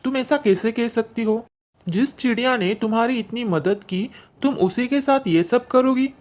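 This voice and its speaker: A woman voicing an honest, kindly male crow in a cartoon story, with a lowered, loud voice. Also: moderate pace, natural voice. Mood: indignant. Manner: loud, deeper put-on voice.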